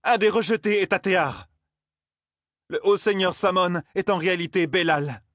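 A man's voice: sits high, moderate pace, fairly bright tone, dry recording, studio quality, voice pushed up. Give me a man playing an icy, authoritative sorceress in a lifted, cold voice. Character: cold, commanding woman sorceress.

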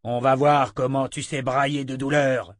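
A man's voice: mid-range voice, little pitch movement, moderate pace, lightly acted. A man reading an audiobook voices a brutal, hateful warrior chief. He snarls threats and orders in a menacing voice close to the reader's own. The sound is dry, with no room echo.

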